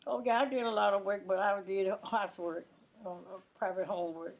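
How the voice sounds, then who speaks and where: The recording is muffled, and the woman's mid-range voice is brisk. She's a ninety-something interviewee from Louisiana with a Southern accent, reminiscing casually and plainly for an oral history while repeating words and restarting her sentences.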